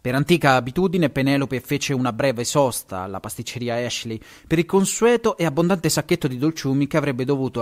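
A man with an Italian accent, reading a story aloud on his show, now and then stumbling and correcting himself. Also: a little high. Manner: lively, stumbles and corrects himself, chuckles at asides. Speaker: podcast host and story reader.

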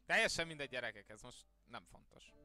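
A man streaming video games live, talking to his chat in an excitable way, muttering one moment and yelping the next, often cutting off curses mid-word. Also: mid-range voice, over loud music. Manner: excitable, swings between muttering and yelping outbursts. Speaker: game streamer. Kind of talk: live gaming stream commentary.

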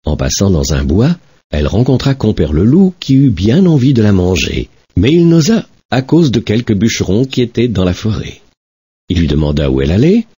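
A man reads a classic fairy tale aloud as narrator, with expressive storytelling. His pitch sweeps widely, and his voice is dark and husky. The recording is dry and close. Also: normal speed, no room sound.

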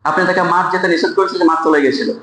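A man preaching a Friday sermon to a congregation in a mosque, speaking emphatically, asking rhetorical questions and chanting verses in a drawn-out way. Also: sits high, fairly even intonation, pushed and bright, a little hiss or hum. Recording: echoey hall.

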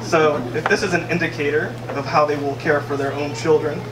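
A man's voice: a little high, fairly even intonation, a little fast, far from the mic. A young man giving a best man's toast, reading from a page into a handheld microphone, a little nervous and laughing at his own jokes. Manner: nervous, laughs between lines. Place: large wedding tent, indoors. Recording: echoey room, mic heard from afar, crowd noise.

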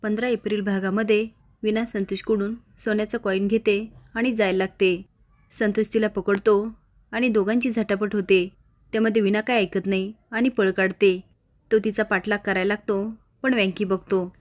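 Brisk woman narrator, plain matter-of-fact recap read. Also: medium pitch, little pitch movement. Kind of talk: scripted narration.

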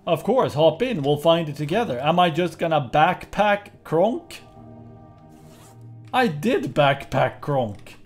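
A man talks through a game as he plays, reading the characters' lines aloud with a playful, chatty tone. His voice sits a little high and moves around a lot in pitch. Quiet game music plays underneath. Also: sing-song, takes it slowly. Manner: playful, chatty, laughs often. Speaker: gaming YouTuber. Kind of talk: let's play commentary, reading game dialogue aloud.

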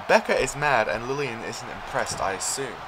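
Over game music and a noisy background, a medium-pitched man gives casual play-by-play for a wrestling video game. He rambles between moves and shouts whenever a big one lands.

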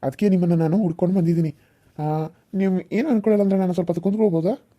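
A man's voice: high-pitched, fairly even intonation, very fast, mellow, highs cut off. A man voicing a lovesick, boastful young suitor in a cartoon serial, talking eagerly. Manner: eager fawning.

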